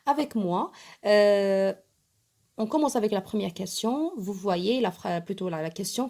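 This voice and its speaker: Woman, patient teacher, emphatic slow explanations, spells letters one by one. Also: medium pitch, warm tone. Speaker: primary school French teacher. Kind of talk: bilingual lesson explaining an exam.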